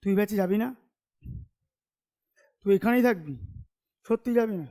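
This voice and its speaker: A man's voice: high-pitched, expressive, mellow. A male commerce tutor giving an informal classroom lecture, talking to students in a familiar, teasing way and often asking if they follow. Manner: chatty, keeps checking understanding with quick questions.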